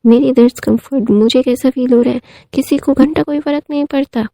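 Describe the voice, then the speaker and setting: A woman's voice: sits high, fairly even intonation, a little fast, vocal fry, warm tone, dry recording, rough recording. A woman voicing a moody, pregnant young man who complains petulantly, in a storytelling retelling. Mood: whiny.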